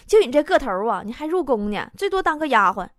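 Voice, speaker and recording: A woman's voice: high voice, big pitch swings, quick pace, no room sound, clean studio sound. A woman voicing her own blunt, bossy middle-aged mother, scolding. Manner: scolding, brusque, loud.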